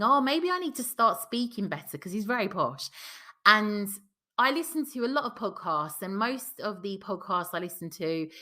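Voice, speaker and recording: A woman's voice: medium pitch, bright, forceful tone. A woman with a South London or Essex accent hosting a podcast, talking frankly and chattily on her own, swearing casually. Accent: South London/Essex English. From South London or Essex, England. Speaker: podcast host. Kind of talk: candid solo podcast monologue.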